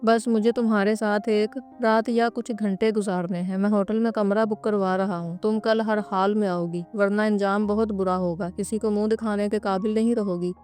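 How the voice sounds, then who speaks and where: A man's voice: high-pitched, steady tone, few pauses, a little mellow, natural voice. A woman voicing a young man who turns into a threatening blackmailer, insistent and menacing, over faint music. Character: young man, possessive boyfriend turned blackmailer.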